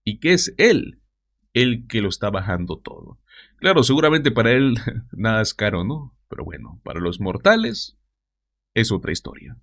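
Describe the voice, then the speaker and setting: A man's voice: lowish voice, sing-song, moderate pace, a bit bright. A man hosting a news commentary show, talking straight to his viewers with mocking asides.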